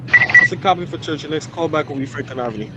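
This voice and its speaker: Male train dispatcher, slightly high voice, rapid delivery, two-way radio, heavy noise. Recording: radio transmission with very loud noise.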